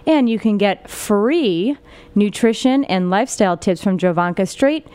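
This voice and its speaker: A woman's voice: medium pitch, lively intonation, normal speed, a little mellow, smooth, dry recording. A woman hosting a podcast interview, chatting casually with fillers and restarts. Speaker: podcast host.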